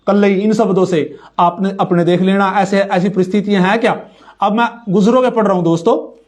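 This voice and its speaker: A Haryanvi man with a high voice reads names out one at a time, slow and deliberate. Between the lists he speaks more briskly and addresses his listeners as friends. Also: a little mellow. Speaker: community speaker. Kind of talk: informal talk reading lists of clan names.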